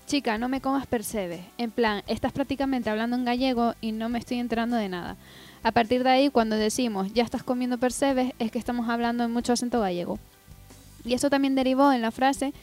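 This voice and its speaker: A woman co-hosting a casual podcast, reading out listener messages and telling her own anecdotes in a relaxed way. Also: a little high. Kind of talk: casual chat and reading aloud.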